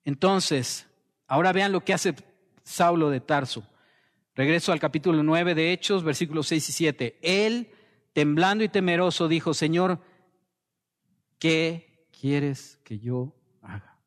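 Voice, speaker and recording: Impassioned preacher in a reverberant hall. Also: male voice, a little high. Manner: impassioned preaching, dropping to soft slow quotes. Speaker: pastor. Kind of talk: sermon.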